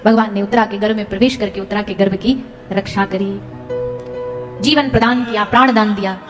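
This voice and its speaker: A woman's voice: mid-range voice, fairly even intonation, brisk. A woman narrating a devotional sermon, telling the story dramatically and singing Sanskrit verses. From India. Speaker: katha storyteller. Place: large hall at a live religious event. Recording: long hall reverb with music.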